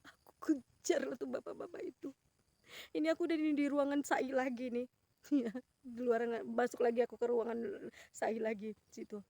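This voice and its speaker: A high-pitched woman with a warm, mellow tone tells a personal story with deep feeling. She exclaims often and breaks off to restart her sentences. Her voice is recorded dry and close. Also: steady tone, moderate pace, dry recording. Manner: earnest, emotional retelling with exclamations and trailing restarts. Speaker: vlogger.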